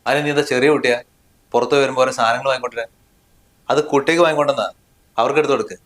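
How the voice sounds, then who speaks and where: A man's voice: mid-range voice, steady tone, racing, a bit bright, echoey room, lightly acted. A man acting a husband in a short drama, scolding and dismissive in tone. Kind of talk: scripted drama dialogue.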